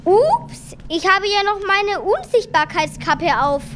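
Woman playing Hades, a squeaky, childish underworld god. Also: very animated, takes it slowly, noisy background, heavily acted. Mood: gleeful, teasing. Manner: childlike, exclamatory, teasing. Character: childish, gleeful male underworld god, playful and petulant. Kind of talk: children's audio drama acting.

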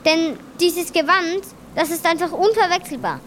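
A woman's voice: very high-pitched, normal speed, fairly bright tone, slight background noise. A woman playing a proud, pompous male messenger god in a children's audio drama. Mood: haughty. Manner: haughty, pompous. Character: proud, boastful male messenger god, defensive about losing.

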